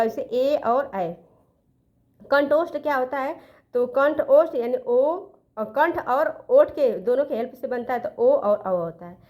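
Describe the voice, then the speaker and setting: High-pitched female teacher, exam coaching, methodical, answers her own questions. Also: lo-fi sound. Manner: explains step by step, asks and answers own questions; self-corrects, counts letters aloud slowly. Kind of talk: exam-prep grammar lesson.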